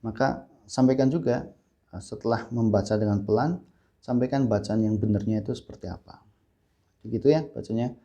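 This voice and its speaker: A man teaching an Arabic lesson, reading sentences slowly for listeners to repeat and clearing his throat often. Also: lowish voice, dark tone. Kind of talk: classroom-style language lesson.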